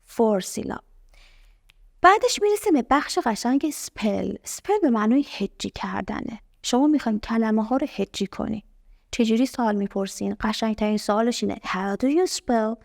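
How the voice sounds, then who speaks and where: Higher-voiced woman teaching English. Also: expressive, creaky, no echo, studio quality. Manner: patient, asks the class questions and repeats words slowly. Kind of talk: explaining a language lesson.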